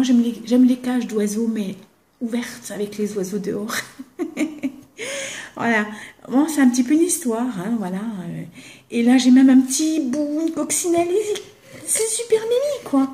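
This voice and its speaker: An older woman chatting casually to the camera as she shows her craft gifts, now and then dropping to a whisper as she admires them. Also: on the high side. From eastern France. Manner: chatty, warm, drops to a whisper when admiring things. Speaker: craft vlogger.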